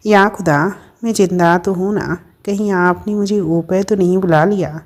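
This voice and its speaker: Woman playing a brash young woman friend, blunt, scolding, mocking, storybook, lowish voice. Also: fairly even intonation, measured pace.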